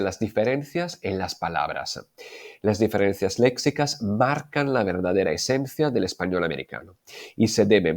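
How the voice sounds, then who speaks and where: A man giving a Spanish language lesson, explaining clearly and methodically and slowing down to sound out his examples. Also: on the low side, a little mellow. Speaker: Spanish teacher.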